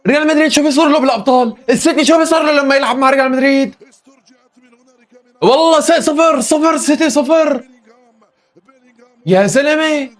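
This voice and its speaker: A hoarse young man with a Levantine Arabic accent, hosting a live football match reaction and exclaiming at every chance. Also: very high voice, a bit bright. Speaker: football reaction video host.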